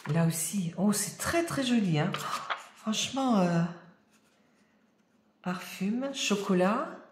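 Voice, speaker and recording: A woman chatting casually as she unboxes craft mail, her voice slightly hoarse and often dropping to a murmur. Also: medium pitch, expressive, takes it slowly. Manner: soft-spoken, often murmuring to herself. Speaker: crafting vlogger. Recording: echoey room, faint noise.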